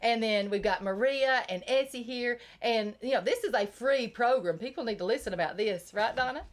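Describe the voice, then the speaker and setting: A woman's voice: fairly high pitch, normal speed. A woman with a Southern US accent hosting a local TV talk show, chatty and enthusiastic. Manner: chatty, enthusiastic, laughs often. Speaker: chamber of commerce show host.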